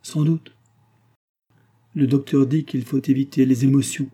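A man's voice: mid-range voice, steady tone, measured pace, dark tone, breathy edge, voice pushed up. Karsdorff, a man voicing a timid old father. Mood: hesitant. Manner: hesitant and placating. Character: timid, kindly old father, embarrassed and hesitant. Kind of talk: audiobook reading.

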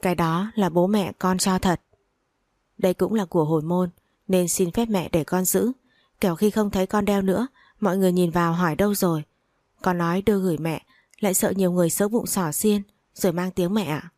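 A woman's voice: on the low side, fairly even intonation, a little fast, a little mellow, dry recording, close to an everyday voice. Woman doing a meek young bride, polite and pleading, dry close sound. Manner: polite, deferential.

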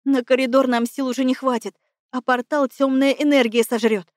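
Woman reading as sarcastic young mage girl, breathless, higher pitched. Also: fairly even intonation, moderate pace, no room sound, clean studio sound, close to an everyday voice.

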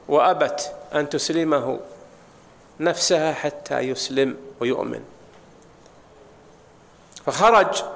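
A man's voice: a little high, creaky. A man teaching as an Islamic scholar, explaining texts in a lecture, asking rhetorical questions and speaking straight to his listeners. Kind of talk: religious lecture explaining hadith. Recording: long reverb of a large hall.

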